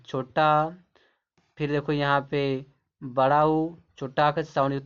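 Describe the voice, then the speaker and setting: A teacher walks through a basic lesson and keeps repeating key points. The teacher asks rhetorical questions and answers them right away. The pitch sits mid-range, and the recording is a little dull and lo-fi. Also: smooth. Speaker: English teacher. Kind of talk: classroom-style explanation to camera.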